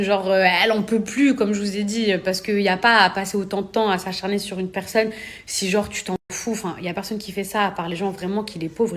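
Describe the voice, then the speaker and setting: A young woman, an influencer speaking casually to her followers, indignant and emphatic, repeating words for stress and working up to heated outbursts. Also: mid-range voice. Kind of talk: casual monologue to camera.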